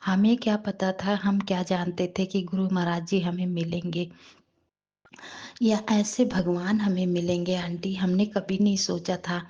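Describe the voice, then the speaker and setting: A woman speaks tenderly to her listeners in a devotional talk, her voice rough and worn and often dropping to a whisper. She keeps an even, mellow tone. The recording sounds dull and lo-fi. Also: lowish voice, a little slow.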